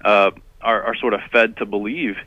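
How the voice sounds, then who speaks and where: A man's voice: lowish voice, fairly even intonation, moderate pace, bright, forceful tone, no echo. A man from Texas, a guest on a radio interview, who talks in a hesitant way, full of ums and uhs. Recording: dull lo-fi radio audio.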